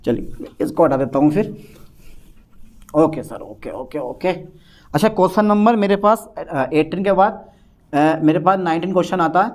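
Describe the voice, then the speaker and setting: A man teaching a physics exam-prep lesson, repeating key phrases slowly and stressing what matters for the exam. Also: sits high, darkish tone.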